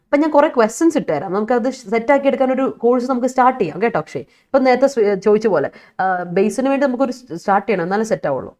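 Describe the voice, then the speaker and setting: A Kerala-based woman teaching English runs a live vocabulary class online, laughing often as she answers students, reading their chat out loud, and blending English words into her explanations. Her fairly high voice has lively intonation and a darkish tone, and she races along.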